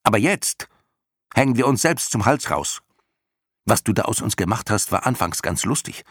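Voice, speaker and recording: A man's voice: animated, normal speed, a bit bright, no echo, studio quality. A man voicing a screeching mob of mocking clown creatures in an audiobook. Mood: shrill, mocking. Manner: shrill, shrieking chorus, frantic and mocking. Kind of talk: audiobook character voice.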